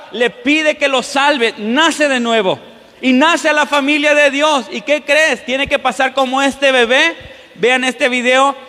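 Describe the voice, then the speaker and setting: A man's voice: extremely high pitch, pushed and bright. A man preaching a sermon as pastor in a church, often putting questions to the congregation. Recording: long church-hall reverb.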